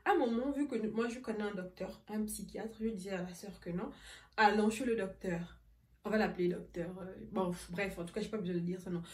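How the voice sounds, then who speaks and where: Une jeune femme qui raconte une anecdote sur un ton familier et animé, en riant souvent. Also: female voice, medium pitch, brisk. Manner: animated, laughing often while telling. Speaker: vlogger. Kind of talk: casual storytime. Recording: roomy echo, voice a bit far from mic.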